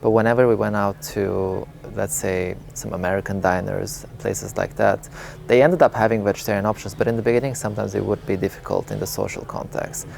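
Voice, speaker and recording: Man, 30s, from Lebanon; low gravelly voice; relaxed, candid interview storytelling. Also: a little fast, a little hiss or hum. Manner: candid, reflective, with small laughs and fillers. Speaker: interviewee, vegan advocate.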